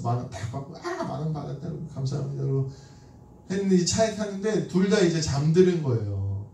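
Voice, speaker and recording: A man preaches in a church, telling stories in an easy, conversational way and asking his listeners questions. His voice sits high but sounds mellow. It is heard from a distant mic, with strong room echo. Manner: conversational, asks the congregation questions, acts out quoted lines. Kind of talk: sermon with storytelling. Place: church sanctuary. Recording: echoey hall from a distant mic.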